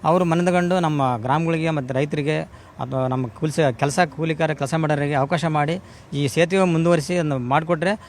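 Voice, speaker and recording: A village man making a halting appeal for help. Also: on the high side, fairly even intonation, slight background noise. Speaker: villager interviewee.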